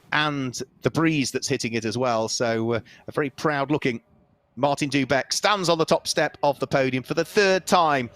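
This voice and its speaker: A man giving live motorsport commentary, steady and informative as he fills time between race and podium. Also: medium pitch.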